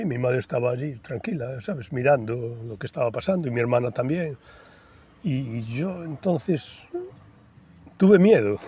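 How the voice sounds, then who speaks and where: A man, giving a personal testimony in church in a conversational, storytelling way that turns soft and reflective. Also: medium pitch, slightly rough. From Galicia, Spain. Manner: conversational storytelling with frequent tag questions; grows softer and reflective.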